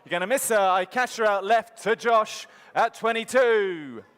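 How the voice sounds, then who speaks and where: Male auctioneer, high clear voice, rhythmic repeated bid chant, long hall reverb. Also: moderate pace, fairly bright tone. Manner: rhythmic, repetitive bid calling. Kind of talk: auctioneer chant calling bids at a live sale. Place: large sale arena. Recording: hall reverb from sale ring PA.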